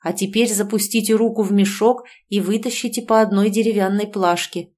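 A woman's voice: mid-range voice, steady tone, brisk, close to an everyday voice. A woman voicing a solemn male clan councilor who leads a wedding rite in a formal, ceremonial tone. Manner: formal, ceremonial, loud announcing.

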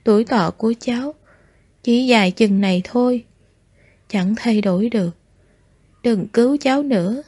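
A woman voicing a gentle young male mushroom monster in human form who is dying, speaking in a weak, breathless near-whisper. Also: on the high side, normal speed, long pauses, husky, dry recording, studio quality. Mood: weak, tender.

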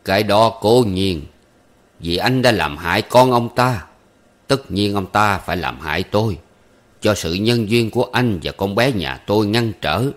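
An unhurried, measured older gentleman, as a male narrator plays him, speaking in a lowish voice with a cool, mildly ironic calm.

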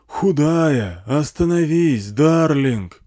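A man's voice: on the high side, expressive, very slow, dark tone, pitched above the performer's own voice. A man doing a bellowing gang boss. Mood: pleading. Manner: bellowing, crude, wheedling. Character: boastful wasteland gang boss, man, shouting.

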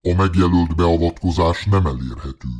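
A man doing a deep cold medical machine. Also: breathy edge. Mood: flat, mechanical. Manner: flat, clipped announcements.

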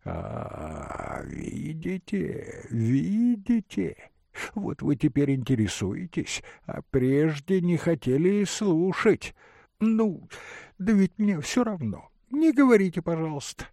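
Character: panicky pleading gentleman, a man reading him, husky, gravelly, lively swings in pitch. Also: slow, no room sound, studio quality, exaggerated voice. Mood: flustered. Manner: agitated, pleading, often hushed. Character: anxious flustered middle-aged gentleman. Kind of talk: audiobook character voice.

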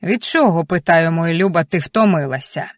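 A man's voice: on the high side, moderate pace, no echo, studio quality, natural voice. A woman doing a cold, commanding rich husband.

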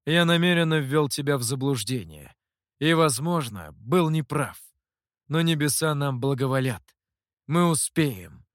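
A man reading as a cunning mentor who answers in a dry, measured, wry tone. The pitch sits a little raised, with a lively lilt, and the recording is close and dry. He remains composed even when he is accused. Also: no room sound. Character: calm, dry, cunning male master, older mentor. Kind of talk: audiobook character voice.

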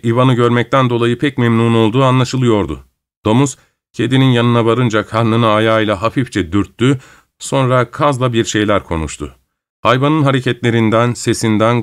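Calm male audiobook narrator. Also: medium pitch. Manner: calm, measured storytelling. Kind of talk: scripted storybook narration.

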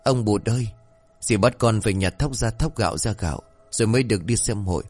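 A man's voice: fairly low pitch, a little fast, darkish tone, husky, soft background music. A man voicing a poor, meek young girl who pleads plaintively in a folk tale.

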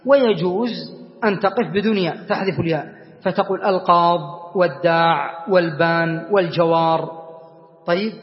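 Sheikh guy teaching class, fairly high voice, repeats words a lot, dull lo-fi recording. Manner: deliberate, repeats key words and quizzes students. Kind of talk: classroom lesson on Arabic grammar. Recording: dull lo-fi sound with long reverb.

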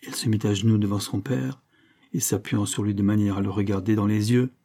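Husky guy reading an old novel aloud, dark mellow tone. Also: fairly low pitch, fairly even intonation, a little fast. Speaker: audiobook narrator. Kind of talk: literary audiobook narration.

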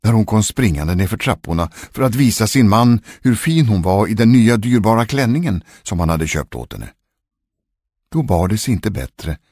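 A man narrating a ghost story in an expressive, gravelly voice. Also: lowish voice, no echo, clean studio sound.

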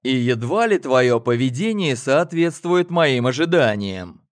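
A man voicing a shrewd, calm elder male telepath in an audiobook. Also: medium pitch, measured pace. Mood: measured, commanding. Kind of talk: audiobook character voice.

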